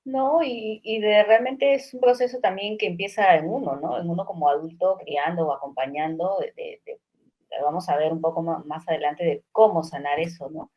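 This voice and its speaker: A middle-aged woman co-hosting a podcast, a psychologist talking in a relaxed, reflective way, often pausing with fillers and asking "right?". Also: fairly low pitch, dull audio. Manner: reflective, many fillers and tag questions. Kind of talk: casual conversation.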